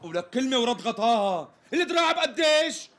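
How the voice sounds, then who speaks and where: A short-fused Damascene customer in a TV sketch comedy. His high-pitched voice comes fast and clipped as he presses for an answer. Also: animated, a bit bright. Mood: exasperated. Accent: Damascene Arabic. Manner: exasperated, repeatedly demanding the price. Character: impatient hot-tempered male customer.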